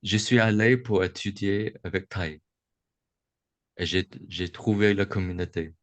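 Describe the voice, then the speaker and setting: An American Buddhist teacher gives a reflective dharma talk to young adults on a webinar, speaking through a video call microphone. His voice is low and unhurried with fairly even intonation, and he feels his way through each thought slowly and haltingly, with many pauses and restarts. The sound is close and dry, without room echo.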